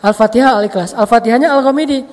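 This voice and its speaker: A man from Indonesia giving a casual, humorous sermon with lively storytelling and jokes. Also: very high voice, fast, in a large hall. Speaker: preacher.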